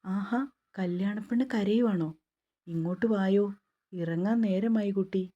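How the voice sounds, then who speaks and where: A woman doing a brisk, coaxing elder sister. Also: medium pitch, dark tone, lo-fi sound, close to an everyday voice.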